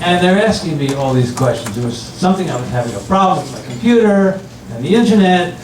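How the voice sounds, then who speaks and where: An older man performing stand-up comedy in front of an audience, telling stories with halting restarts and repeated phrases. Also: high-pitched, lively intonation, a little mellow. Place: room with an audience, recorded from a distance. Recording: roomy, distant mic, very noisy.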